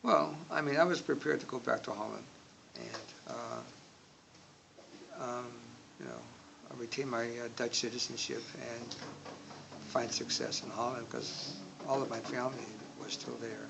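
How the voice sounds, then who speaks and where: A man in his sixties from Indonesia, speaking slowly in an oral history interview, with frequent pauses and filler words. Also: medium pitch, creaky. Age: 60s. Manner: slow, hesitant, many filler words. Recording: audible background noise.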